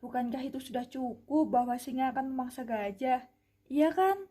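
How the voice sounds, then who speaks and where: In a puppet-show fable, a young woman voices a rabbit in a high, soft tone at a moderate pace. The little creature is indignant and doubtful, questioning insistently and plaintively.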